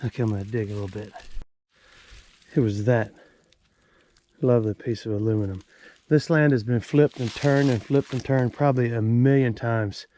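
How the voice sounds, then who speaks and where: A man talks casually and folksily, with a dry joking streak, in a voice of ordinary pitch. He sounds like he is vlogging outdoors, with faint noise and clicks around him. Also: normal speed, mellow. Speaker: metal detecting vlogger. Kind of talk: casual outdoor vlog commentary. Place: outdoors in a rural yard.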